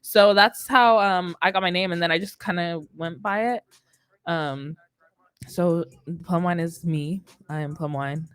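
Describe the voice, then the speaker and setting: Speaking a little slowly in a lowish, somewhat bright voice with a clean tone, this young adult American radio host chats casually on her music livestream. She talks into a boom-arm mic inside a studio.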